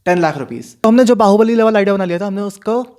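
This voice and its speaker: Young male storyteller, slightly higher voice, animated, mixes in English. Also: fast. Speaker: storyteller vlogger. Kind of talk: casual storytelling.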